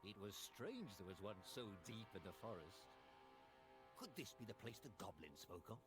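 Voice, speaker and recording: A man narrating a video game story in a lively, expressive storybook manner. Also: on the low side, normal speed. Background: music.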